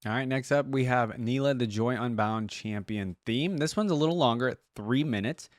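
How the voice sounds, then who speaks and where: Speaking straight to his viewers, a man hosts a game reaction channel and offers casual, informal reaction commentary. His medium-pitched voice moves at a moderate pace with clean studio sound and no room echo, while music from the video he's watching plays behind him.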